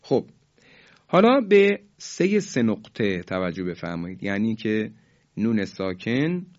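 A man teaching Quran recitation rules in a formal, polite way, explaining each rule and then chanting the examples slowly and drawn out for students to repeat. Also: lowish voice, big pitch swings. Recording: dull lo-fi recording.

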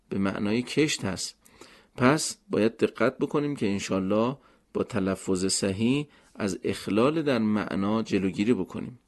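A man with a somewhat low voice leads a formal lesson on pronouncing Quranic letters. He speaks politely and measuredly, laying out each point step by step. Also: a little mellow. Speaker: Quran recitation teacher. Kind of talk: formal instructional talk.

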